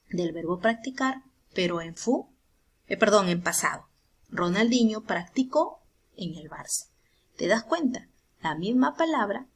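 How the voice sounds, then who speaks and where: A woman's voice: medium pitch, husky. A woman with a Peruvian Spanish accent, a primary school teacher explaining a grammar lesson to children patiently and checking in with the class often.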